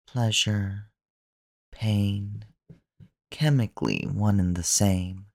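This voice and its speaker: A man performing slow, intimate erotic roleplay in a soft, commanding manner that often drops to a whisper. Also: on the low side, fairly even intonation, dry recording, clean studio sound.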